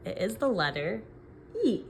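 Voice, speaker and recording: A woman teacher dictating sentences word by word, sounding out letters and syllables deliberately and checking in with questions. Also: medium pitch, animated, gravelly, a little hiss or hum. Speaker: elementary phonics teacher.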